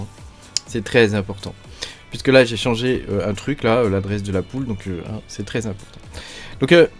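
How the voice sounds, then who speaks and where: A man giving a casual screen-share tutorial on crypto mining, chatty and informal, sprinkling his talk with fillers and addressing the viewer directly. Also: medium pitch.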